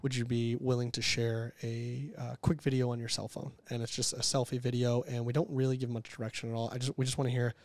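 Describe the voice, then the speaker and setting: A man in his thirties, an entrepreneur guest talking candidly in a casual interview, animated and quick to act out quotes. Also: medium pitch, no echo. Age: 30s.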